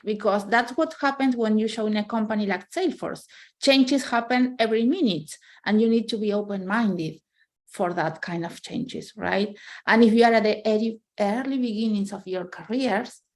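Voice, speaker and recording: With a mid-range, darkish voice, this guest, an Argentine software engineer in her thirties, earnestly shares career advice during a casual chat. She speaks English as a second language with an Argentine Spanish accent, often checking in with "right?".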